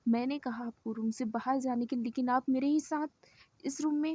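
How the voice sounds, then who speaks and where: A quick-tempered young woman yells in indignant protest, her voice pitched a little high. A woman reads her lines as the storyteller. Her temper runs hot and loud. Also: steady tone, husky, no echo. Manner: shouting, indignant.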